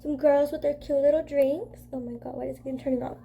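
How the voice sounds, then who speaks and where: A woman's voice: high-pitched, steady tone, a little fast, gravelly, muffled recording, slight background noise. A young woman with a stuffy, congested voice chatting casually through a makeup vlog, rambling with constant fillers. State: congested from a cold. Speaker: beauty vlogger.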